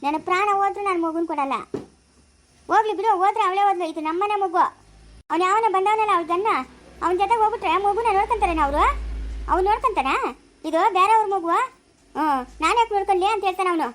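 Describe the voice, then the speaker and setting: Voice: extremely high pitch, fast talker, a bit bright, slight background noise. A girl playing a village woman who scolds and guards a baby in a family skit. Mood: stern scolding. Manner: scolding, argumentative.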